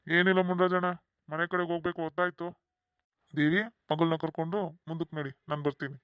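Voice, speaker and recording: Brief: man as a cartoon village father, slightly high, affectionate, dull lo-fi sound. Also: level tone, fast talker, clean tone, no room sound, lightly acted. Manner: affectionate, plain village speech. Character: loving village father, soft-hearted, proud of his daughter.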